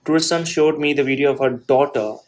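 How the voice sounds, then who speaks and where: A man hosting a show, reading an essay aloud and adding his own comments, with halting delivery, restarts and frequent "you know" fillers. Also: medium pitch. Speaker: host.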